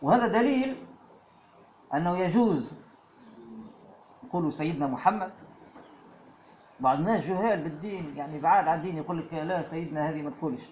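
A man giving a religious lesson as a preacher, slowing down to recite verses. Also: a little high, animated, a little mellow, a little hiss or hum. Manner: fillers and asides, slows to recite verses. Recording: echoey room with faint ambience.

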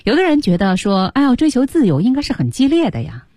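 Female radio co-host, Mandarin accent, mellow and lively, leads the lesson, dry studio mic. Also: fairly high pitch, fast, no room sound. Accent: Mandarin Chinese. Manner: guides the segment, reads lines and sings along. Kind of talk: bilingual song lesson.

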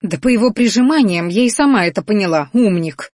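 A flustered, quick-tempered young sorceress from a fantasy audiobook, voiced by a woman reader. She is pitched clearly higher and brighter than the narration and fires off indignant, snappish retorts. The recording is dry and close. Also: expressive, no echo. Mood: angry. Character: young female mage, flustered and hot-tempered.

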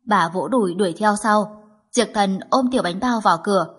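A woman narrating a novel as a scripted audiobook, in steady storytelling. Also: medium pitch, a little fast, breathy edge.

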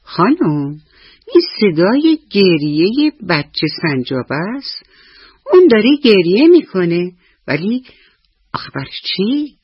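A woman storyteller voicing a puzzled father squirrel who calls out with concern, with a husky voice. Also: mid-range voice, sing-song, pauses often, no room sound, muffled recording, pitched above the performer's own voice. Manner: calling out, concerned.

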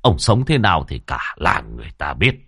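A man voicing a poor, proud old village man who grumbles in a low, scornful voice. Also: sing-song, a little fast, pushed and bright, slightly rough, no room sound, studio quality, full character voice.

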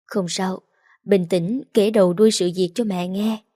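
A woman reading the part of a worried middle-aged mother who gives calm, firm advice. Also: medium pitch, measured pace, dry recording, studio quality, lightly acted. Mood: concerned.

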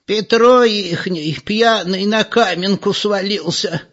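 A man's voice: sits high, slow pace, a bit bright, pitched above the performer's own voice. A man doing a drawling old village gossip woman. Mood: gossipy. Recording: dull lo-fi audiobook recording.

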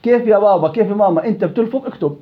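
A man's voice: sits high, racing, narrow, tinny audio. A man with a Levantine Arabic accent teaching a tajweed lesson, quizzing his students and repeating words to drill them. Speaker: Quran recitation teacher.

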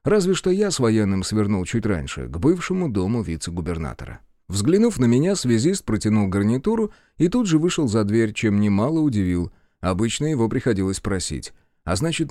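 A man's voice: on the low side, dark tone, dry recording. A man narrating an audiobook in the first person, with a dry, sardonic delivery.

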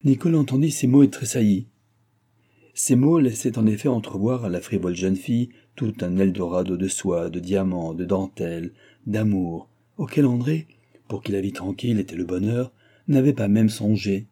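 A man reading a classic novel aloud in steady, literary narration. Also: lowish voice, normal speed, breathy edge. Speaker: audiobook narrator. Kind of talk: scripted narration.

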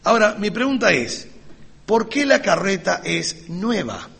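A man preaches with ironic, sarcastic flair. His voice is bright and a bit high, and it swings widely in pitch. The sermon echoes with a long hall reverb. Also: big pitch swings, measured pace, gravelly, breathy edge. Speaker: pastor.

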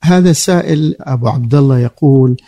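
A man's voice: medium pitch, a little fast, warm tone, no room sound. A man hosting a radio programme in formal standard Arabic, presenting and reading out questions.

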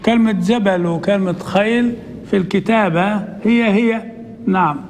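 A man, a sheikh, teaching a classical text lesson, reading passages slowly and then explaining them in a conversational way. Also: high-pitched, in a large hall, soft background music. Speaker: sheikh teaching hadith commentary.

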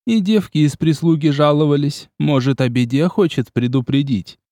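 A man voicing a nervous noblewoman who turns shrill and screeching when frightened. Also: moderate pace, dark tone, dry recording, studio quality, close to an everyday voice. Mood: worried.

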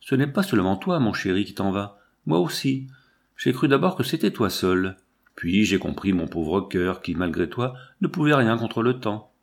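A man's voice: fairly low pitch, sing-song, moderate pace. Man reading as an anguished woman mourning time. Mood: sorrowful. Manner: mournful, impassioned recitation. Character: anguished woman lamenting aging and death.

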